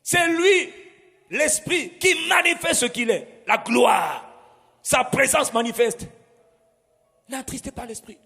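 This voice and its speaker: A man's voice: very high-pitched, animated, slow pace, vocal fry, long pauses, pushed and bright, breathy edge, in a large hall. A man preaching a sermon. He preaches emphatically, asking the congregation to repeat words after him. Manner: emphatic, call-and-response preaching. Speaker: pastor.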